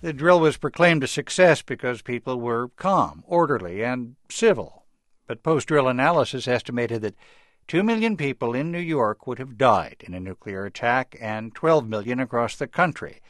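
A man reading a scripted news report in a measured, even way. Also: medium pitch, no room sound, clean studio sound. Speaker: news correspondent.

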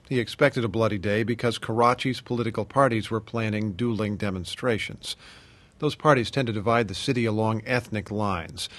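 A man with an American accent narrating a scripted news documentary in short, deliberate sentences. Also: fairly low pitch. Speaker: radio reporter and narrator.

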